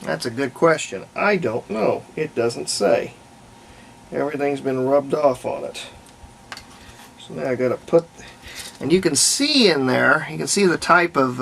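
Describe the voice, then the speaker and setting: A hobbyist restorer talks his way through a restoration at the workbench in a repair video, casual and unscripted. The voice is a little high and a bit bright, with a gravelly, creaky texture, and background noise comes through clearly.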